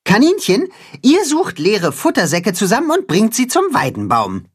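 A clever cat-hen from a children's storybook barks out orders, as a man puts her on. The voice is raised, brisk and commanding, swinging widely in pitch with a husky grain. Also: wildly swooping pitch, heavily acted. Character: clever cat-hen, bossy little leader.

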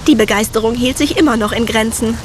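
A woman's voice: fairly high pitch, quick pace, a little hiss or hum, lightly acted. An actress voicing a teenage girl who narrates her own story in a wry manner. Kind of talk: dubbed series narration. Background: music.

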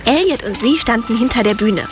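A woman's voice: fairly high pitch, lively intonation, a little fast, over music, natural voice. An actress voicing a teenage girl who narrates her own story in a wry, dry tone in a cartoon dub. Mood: narrating.

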